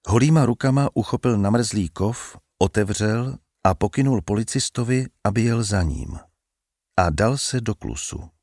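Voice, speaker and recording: A man narrating an audiobook in a measured, dramatic storytelling manner. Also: on the low side, a little mellow, dry recording, studio quality.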